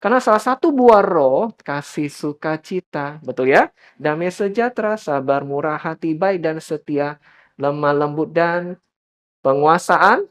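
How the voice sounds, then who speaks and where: Lively man preaching a sermon. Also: unhurried. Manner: lively, rising to high emphatic peaks, addressing the congregation often. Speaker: pastor.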